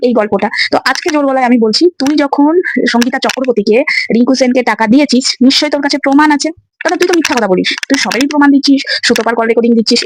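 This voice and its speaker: A woman vlogger, delivering a forceful, repetitive rant straight to camera and demanding proof. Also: sits high, a little hiss or hum. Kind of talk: angry direct-to-camera rant.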